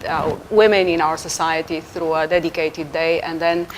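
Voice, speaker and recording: Woman, measured and formal. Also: low-pitched, level tone, a little hiss or hum, rough recording. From Romania. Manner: measured, formal, with frequent ums. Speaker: UN official, guest. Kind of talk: radio interview.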